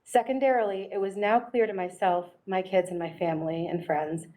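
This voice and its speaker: A middle-aged woman reading a prepared victim's family statement to a court, in a solemn, formal and deliberate manner. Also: medium pitch, steady tone, warm tone, low-quality recording. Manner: solemn, deliberate, measured wording.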